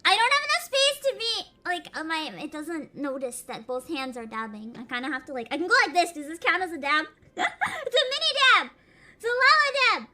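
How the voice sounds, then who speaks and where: A woman livestreamer with a cute, bubbly, giggly anime-streamer manner, chatting and reacting excitedly and often repeating her phrases. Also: high voice, fairly quick.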